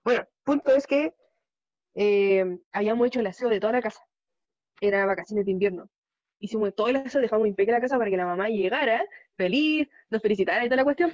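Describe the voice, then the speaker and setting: A young woman with a Chilean accent co-hosts a podcast in a relaxed, chatty way. Her voice is a little high, recorded dry and somewhat dull. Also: fast talker, no room sound. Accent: Chilean Spanish. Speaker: podcast co-host. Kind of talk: casual chat.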